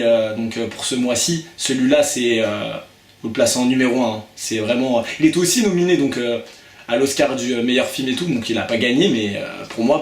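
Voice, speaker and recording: Hesitant French man in an echoey room. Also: mid-range voice. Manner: hesitant, many fillers and restarts. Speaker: film reviewer. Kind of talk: casual video review.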